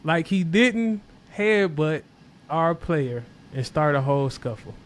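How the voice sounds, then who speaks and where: A man's voice: on the high side, expressive, slow pace. A young man co-hosting a sports podcast, emotional and cursing as he rants about a rival team. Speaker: podcast co-host. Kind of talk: casual sports chat.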